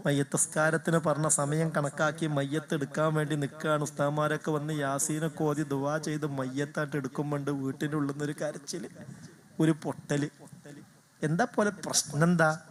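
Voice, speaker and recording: A man preaching a sermon, swinging from soft, quick storytelling to slow, chanted Arabic verse. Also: high-pitched. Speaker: Islamic preacher. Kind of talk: Malayalam sermon.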